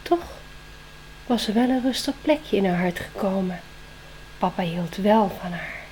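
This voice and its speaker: A woman reading a children's story aloud, expressive, slowing down for tense moments. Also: medium pitch, a little hiss or hum, poor audio.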